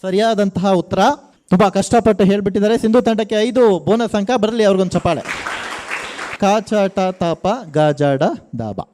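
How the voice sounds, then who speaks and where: A man hosting a college quiz show on the radio, energetically urging contestants and reading questions slowly and with emphasis. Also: high-pitched, mellow, a faint crowd. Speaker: quizmaster.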